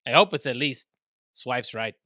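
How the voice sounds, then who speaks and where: Guy doing a wisecracking whiny jungle trekker, real bright sharp tone, bouncy pitch. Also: moderate pace, dry recording, studio quality, lightly acted. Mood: mocking. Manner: wisecracking, grumbling. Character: sarcastic jumpy man on jungle hunt.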